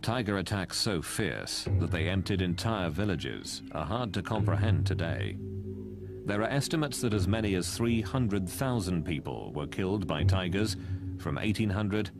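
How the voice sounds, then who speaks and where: Deep-voiced man narrating a nature documentary. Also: expressive, moderate pace, over music.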